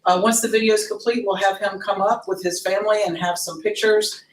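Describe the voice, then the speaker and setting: A woman's voice: mid-range voice, fairly even intonation, fairly quick. A woman presenting at a public meeting, making an informal announcement. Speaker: meeting presenter introducing delegations. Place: public board meeting room. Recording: echoey room, distant microphone.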